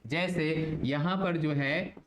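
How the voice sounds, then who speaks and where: A man's voice: fairly high pitch, steady tone, slow pace. A man teaching English grammar in a video lesson. He asks questions and answers them himself, mixing Hindi and English. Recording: roomy echo, faint background hiss.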